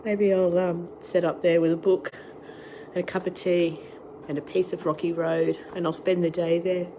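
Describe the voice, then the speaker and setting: In a rough recording, a lowish, flat, mellow voice at a moderate pace belongs to a middle-aged Australian woman who has a cold and is losing her voice. An online tour and cooking class host, she chats casually on a live cooking stream, greeting each viewer who joins. Her device camera catches wind and ambient noise out on the deck, and later she's in her home kitchen.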